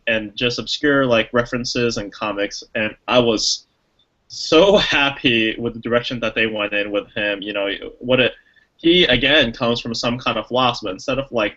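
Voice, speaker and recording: A man's voice: medium pitch, pushed and bright, lo-fi sound. A man co-hosting a podcast, chatting casually and enthusiastically about a movie, rambling with lots of fillers. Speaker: podcast co-host. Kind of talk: casual movie review chat.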